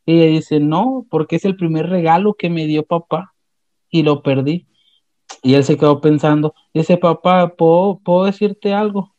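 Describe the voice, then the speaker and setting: A young man with a Mexican accent, casually retelling an anime plot in a slangy, animated way with many restarts. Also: on the high side, normal speed, dry recording. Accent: Mexican Spanish. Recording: dull, slightly lo-fi dry sound.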